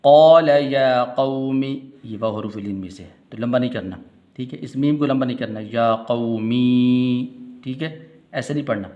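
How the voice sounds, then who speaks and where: A man teaching recitation, chanting verses slowly and melodically, then breaking off to explain pronunciation rules quickly. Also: mid-range voice, dark tone, muffled recording. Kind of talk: melodic recitation with spoken correction.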